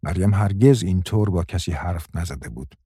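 A man reading a story aloud in a measured, calm narration. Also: low-pitched, slightly rough, no echo, clean studio sound. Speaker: audiobook narrator. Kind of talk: scripted narration.

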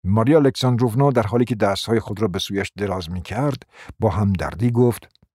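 A man narrating a radio drama in a measured, formal storytelling manner. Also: fairly low pitch, darkish tone, breathy edge, no room sound, clean studio sound.

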